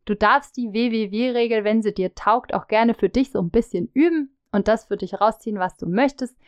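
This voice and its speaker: A woman's voice: a little high, moderate pace, no room sound. A woman explaining a feedback method in a friendly teaching tone, speaking straight to the listener and acting out sample phrases. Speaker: leadership coach.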